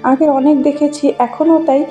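Woman in her thirties, fairly high mellow voice, casual walking vlog, outdoors on a phone, faint music under it. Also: fairly even intonation, a little slow, dull audio. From Bengal. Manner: chatty, gently enthusiastic, talks to viewers while showing things. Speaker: village vlogger. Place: outdoors in a rural garden and fields. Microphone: handheld phone camera.

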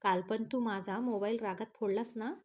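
A feisty young wife from a storybook romance who scolds and teases with a quick tongue, as a woman reader voices her. Her voice sits a bit high. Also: fairly even intonation, a little mellow, lightly acted. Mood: scolding. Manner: scolding, teasing.

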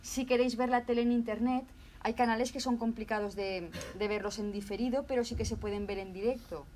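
A woman's voice: on the high side, fairly even intonation, fairly quick, darkish tone, a little hiss or hum. A woman from Spain with a Zaragoza accent, a language teacher giving a casual video lesson with many fillers and restarts. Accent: Zaragoza Spanish. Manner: chatty, many fillers and restarts, acts out examples.

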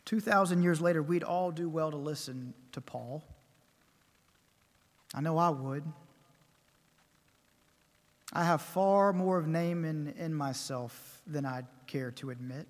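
A man preaching a sermon at a pulpit microphone, measured and emphatic, building his points with repeated phrases. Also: on the high side. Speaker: pastor. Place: church sanctuary. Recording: long church reverb.

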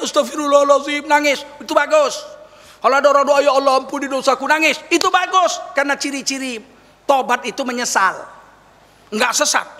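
A male preacher giving an animated sermon to an audience, acting out weeping prayers and joking with listeners. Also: very high voice, creaky. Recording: long reverb of a hall.

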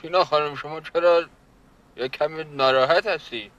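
A man's voice: on the high side, steady tone, a bit bright, lo-fi sound, natural voice. An actor playing a lovestruck, boastful male caretaker who talks of love in flowery words in a sitcom. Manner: doting, flowery talk of love, calls others "baba jan". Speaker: caretaker in love with a young woman. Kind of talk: sitcom acting.

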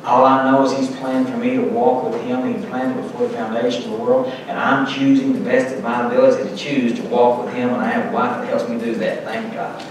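A man's voice: medium pitch, flat delivery, fairly quick, few pauses, background noise. A middle-aged man preaching a sermon at a pulpit, earnestly reading scripture aloud with emphasis. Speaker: pastor. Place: church sanctuary, indoors, at a pulpit. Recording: echoey church from far off.

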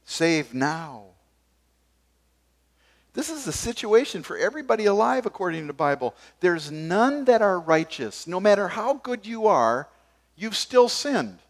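A man's voice: high-pitched, big pitch swings, unhurried. Emphatic older male preacher at pulpit. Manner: emphatic, gesturing preacher with sudden drops to quiet. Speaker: pastor. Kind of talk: sermon. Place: church stage behind a wooden pulpit.

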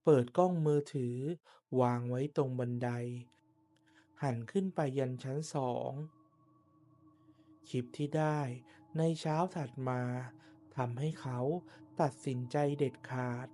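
A man narrating a scripted horror story in a soft, measured way, pausing between short phrases. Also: medium pitch. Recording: noticeable background noise and ambience.

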